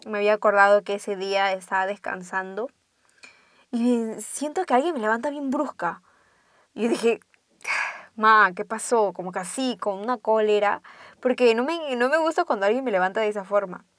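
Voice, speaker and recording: A young woman tells a ghost story in a casual, chatty way. Her voice sits at a medium pitch, and she keeps it lively, then sinks into hushed tones to build suspense. The recording is dry and close, with no room sound. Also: a little fast, no room sound.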